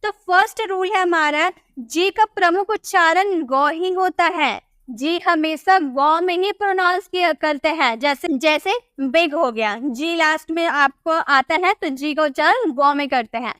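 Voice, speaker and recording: A woman's voice: extremely high pitch, measured pace, fairly bright tone, dry recording, studio quality. A woman teaching English pronunciation rules step by step, repeating words and quizzing the viewer. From India.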